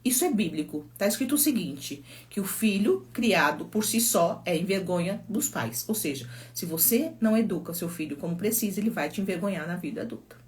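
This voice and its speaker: A woman's voice: medium pitch, animated, brisk, few pauses. Middle-aged Brazilian woman, psychologist hosting a live stream, chatty anecdotal delivery, phone mic. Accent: Brazilian Portuguese. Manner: chatty storytelling, reads viewer comments aloud. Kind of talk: casual live-stream chat.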